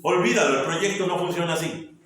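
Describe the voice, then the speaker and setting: A man preaching a sermon. He swings from loud, emphatic peaks down to hushed, almost whispered drops. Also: on the high side, a little fast. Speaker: pastor. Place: church hall. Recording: very echoey room, voice picked up from a distance.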